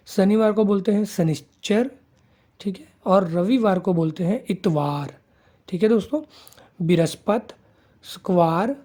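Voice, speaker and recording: A man teaching an online language lesson, patient, who repeats each word slowly and keeps checking in with his listeners. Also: high voice, warm tone. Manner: patient, checks in with 'theek hai?' after nearly every phrase; mixes English words into the lesson.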